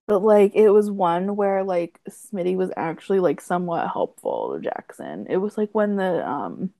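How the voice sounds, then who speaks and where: A woman's voice: lowish voice, very animated, normal speed, creaky, dark tone, no room sound. A woman co-hosting a podcast, chatting casually and recapping episodes with lots of fillers. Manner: chatty, many fillers, quotes characters with laughs. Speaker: podcast co-host. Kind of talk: casual chat recapping a TV show.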